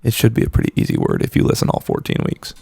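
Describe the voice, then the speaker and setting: A man's voice: very fast, a little mellow, no room sound. A young man co-hosting a casual podcast in a home office, teasing his friends with wry quips. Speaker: podcast co-host. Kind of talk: casual banter. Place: spare-room home office studio.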